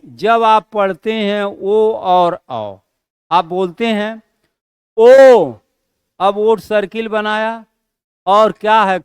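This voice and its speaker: A man with a high, very clear voice teaches a lesson at an unhurried pace. He keeps asking rhetorical questions and answers them himself, drawing out key terms for emphasis. The sound is close and dry. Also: no echo. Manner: slows down to stress key terms. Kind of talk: classroom lesson.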